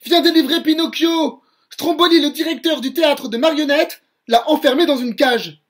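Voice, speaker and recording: A man's voice: sits high, animated, unhurried, a little mellow, pitched above the performer's own voice. A man voicing a tiny cricket who gives advice in a children's story reading, with urgent pleading. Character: tiny fussy male cricket advisor.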